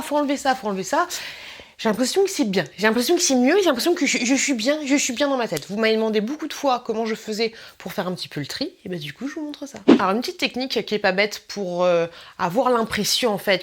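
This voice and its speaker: Chatty woman, lots of laughter. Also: a bit bright. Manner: chatty, laughing, slangy, mimics people with sudden high voices. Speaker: vlogger. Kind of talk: casual chat to camera.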